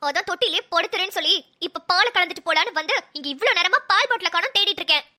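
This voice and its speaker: A woman's voice: extremely high pitch, expressive, fast talker, sharp tone, full character voice. A woman voicing a harried young mother in a cartoon, exasperated and scolding as she complains. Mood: irritated. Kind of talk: cartoon voice acting.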